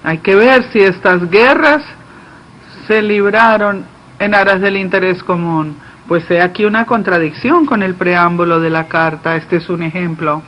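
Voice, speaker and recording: A man giving live simultaneous interpretation of a political speech, delivered haltingly, phrase by phrase. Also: sits high, pushed and bright. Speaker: conference interpreter. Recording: dull lo-fi feed, faint background noise.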